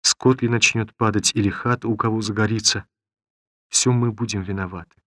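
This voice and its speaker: A tender young village woman, quiet and resigned to her fate, as a male reader voices her. She speaks low and hushed, sinking well below the telling around her, in a close, dry storybook reading. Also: fairly even intonation, moderate pace, dry recording, lightly acted. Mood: earnest. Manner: soft, quiet and earnest.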